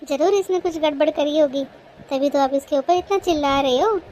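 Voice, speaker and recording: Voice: sits high, normal speed, darkish tone, a little hiss or hum, natural voice, low-quality recording. A voice actor playing a sweet, curious new young bride in a cartoon, polite and inquisitive.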